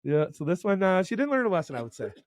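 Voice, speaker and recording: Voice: mid-range voice, sing-song, fast talker, no echo, clean studio sound. A podcast co-host chatting casually about crime stories, with lots of "like" and "um". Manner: loose, full of fillers like "like" and "um". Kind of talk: casual true-crime chat.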